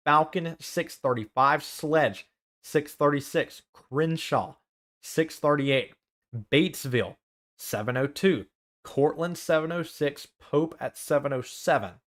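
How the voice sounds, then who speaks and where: A man's voice: medium pitch, fairly bright tone. Young man giving live storm warnings. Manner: urgent, lists towns and times, self-correcting. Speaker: student meteorologist. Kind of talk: live severe weather coverage.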